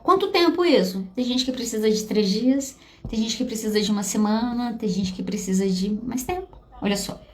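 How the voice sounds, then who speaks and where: Brazilian woman, psychologist host, fairly high voice, candid storytelling talk. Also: moderate pace. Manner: warm storytelling, voice catching with emotion at times. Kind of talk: emotional personal talk to an audience.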